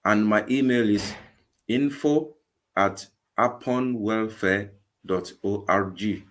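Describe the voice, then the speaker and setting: A man's voice: lowish voice, slow pace. A man in his forties with a Nigerian English accent, a guest in a live video-call interview, talking earnestly and often repeating words. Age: 40s. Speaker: guest, vegan campaign organizer.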